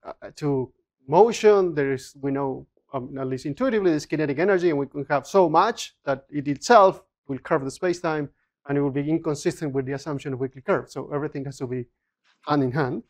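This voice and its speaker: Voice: mid-range voice, fairly quick, darkish tone. A physics lecturer giving a university lecture, explaining step by step with frequent restarts and fillers. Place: lecture room.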